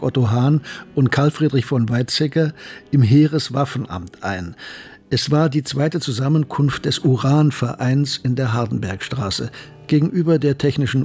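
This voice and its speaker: In a radio play, an actor voices a sober male narrator who recounts wartime history in a measured, factual way. The scripted narration comes in a husky, mid-range voice with a darkish tone.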